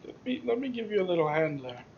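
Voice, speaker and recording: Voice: mid-range voice, sing-song, fast talker. A player in a tabletop game, helpfully explaining the controls to the others. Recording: dull lo-fi voice chat with faint noise.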